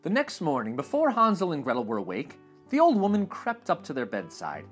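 In a living room with a sofa, a young man narrates a storybook for children, animated and expressive with dramatic swings in tone. His fairly high voice moves briskly, and faint music plays behind him.

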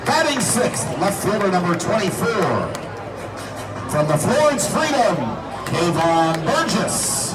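Male ballpark announcer, high-pitched and lively, projected delivery of line-up introductions, loud music behind. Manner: projected, deliberate, drawn-out names. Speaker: stadium public address announcer. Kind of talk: ceremonial player introductions, announcing. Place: outdoor baseball stadium, heard over loudspeakers. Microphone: announcer's PA captured from the stands. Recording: distant echoey stadium PA, crowd, loud music. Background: crowd and loud music.

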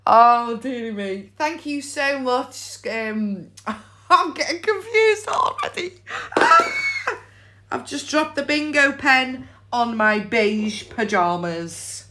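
A woman with a British accent works as a bingo caller in a very high voice. She takes her time over each number and chats to players between calls. Her manner is playful and full of exclamations. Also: lively intonation, slow pace, pushed and bright. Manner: playful, exclamatory, sing-song repetition of names and calls. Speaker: bingo caller and live stream host. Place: indoors at a table.

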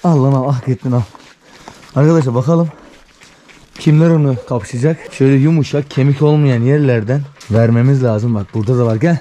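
A man doing casual vlog commentary, talking excitedly to puppies as he feeds them. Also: medium pitch, a little fast, slight background noise. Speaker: vlogger.

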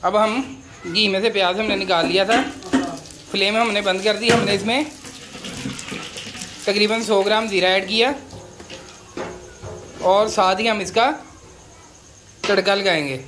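A man hosting a cooking channel, calmly explaining each step of a big-pot recipe as he works in an outdoor courtyard. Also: high-pitched, unhurried, long pauses. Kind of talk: cooking demonstration narration. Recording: noisy outdoor recording.

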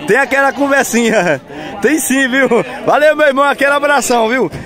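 A man's voice: very high-pitched, a little fast. A man vlogging at an outdoor livestock market, chatty and upbeat, asking sellers their prices and repeating them. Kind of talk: casual walk-around vlog with interviews. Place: crowded outdoor goat market. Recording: loud market crowd behind.

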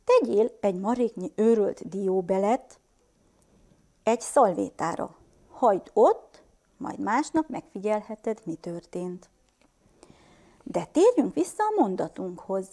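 This woman teaches first graders to read, drawing words out slowly and posing questions to the class. She has a Transylvanian Hungarian accent and a mellow, mid-range voice.

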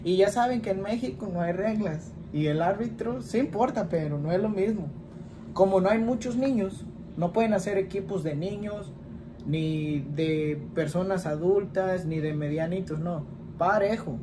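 Speaking at a moderate pace, a man in his twenties has a voice that sits high, with noise behind it. His Mexican Spanish accent colors a casual home vlog in which he rambles through questions, frequently ending with "¿verdad?", from a small room with a plain wall.

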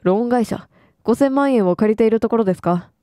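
A woman's voice: fairly high pitch, fairly quick, mellow, no echo, clean studio sound, close to an everyday voice. A woman reading the lines of a polite young male defense lawyer from a game, asking questions.

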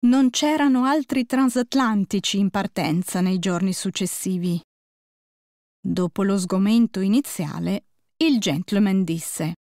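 A woman narrating a musical tale for concert band in a clear, measured storytelling voice. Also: medium pitch, a little mellow, dry recording, clean studio sound. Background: faint concert band music.

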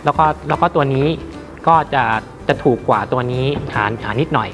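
A man giving an informal product demonstration as a seller, haltingly, with many repeats and hesitations. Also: mid-range voice, over music. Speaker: radio equipment seller.

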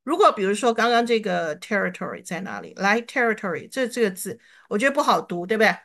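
A woman teaching an online reading class, encouraging her students and sounding out English words slowly. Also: medium pitch, expressive, fairly bright tone. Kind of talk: online lesson.

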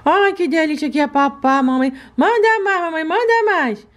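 A woman's voice: very high voice, expressive, normal speed, voice pushed up. A woman voicing a greedy, talkative baby girl doll, in a toy play video. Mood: pleading. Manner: cheeky, pleading, talkative.

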